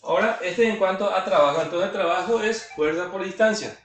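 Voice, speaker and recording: A man's voice: high voice, brisk. A male teacher explaining physics step by step in a lecture, repeating words as he works through calculations. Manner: step-by-step, repeats words while working out sums. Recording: echoey room, voice from far off.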